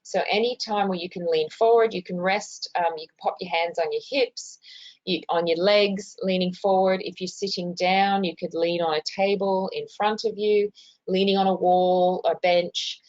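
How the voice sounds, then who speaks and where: Lower-pitched Australian woman presenting a health webinar. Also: steady tone, normal speed, a little mellow. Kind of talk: informal instructional presentation. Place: in a hospital, speaking on a webinar. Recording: muffled, dull webinar audio.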